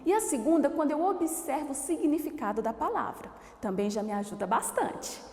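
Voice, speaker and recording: High, lively woman teacher, slow and echoey. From Brazil. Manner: slow, didactic, sounds out words and asks the class questions. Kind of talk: online grammar lesson.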